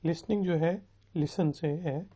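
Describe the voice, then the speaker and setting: A man teaching a recorded beginners' language lesson. He patiently drills phrases slowly and asks learners to repeat after him. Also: a little high, warm tone, slightly rough. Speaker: spoken English teacher. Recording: dull, lo-fi recording.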